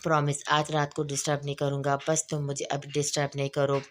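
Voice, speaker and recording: Lady narrator doing a bossy young husband, low flat voice, snappy questions. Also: fast, lightly acted. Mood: teasing. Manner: sharp, demanding questions. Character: brusque, possessive young husband. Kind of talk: audiobook novel reading.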